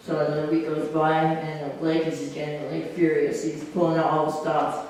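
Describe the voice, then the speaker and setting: A man with a fairly high, slightly mellow voice hosts an open mic, telling a loose, rambling story full of fillers in a completely flat, brisk delivery. This live stand-up storytelling is captured in an echoey venue with a distant mic and faint noise.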